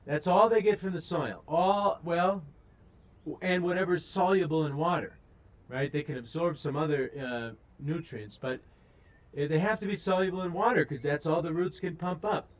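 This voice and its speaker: A man with a Wisconsin accent talks loosely and casually as a live-stream host, filling his pauses with ums and uhs. His voice sits somewhat high for a man. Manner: rambling, full of ums and uhs.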